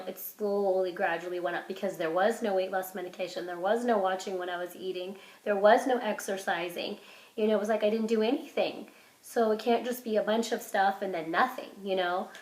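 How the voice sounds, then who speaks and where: A woman with a medium-pitched voice vlogs casually while sick, sounding hoarse and congested. She rambles with many fillers and restarts but stays upbeat and self-encouraging, with a roomy echo around her.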